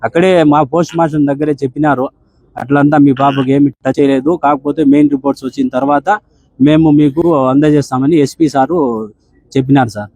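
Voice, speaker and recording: A grieving father speaks deferentially over the phone in a Rayalaseema Telugu accent, repeatedly closing his sentences with "sir." His fairly high, steady, mellow voice runs fast, the recording is echo-free, and the high frequencies are cut off.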